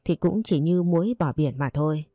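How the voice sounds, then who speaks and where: A woman narrating a sad first-person story in a steady, sorrowful way. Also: low voice, normal speed, no echo, studio quality.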